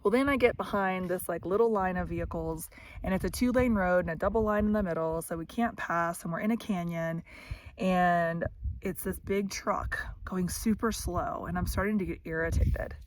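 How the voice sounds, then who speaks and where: A woman's voice: on the low side, moderate pace. A woman telling a faith story in a casual vlog while hiking outdoors on a trail, with plenty of fillers like "like" and "you know.". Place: outdoors on a mountain biking trail. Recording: noisy outdoor recording with clicks.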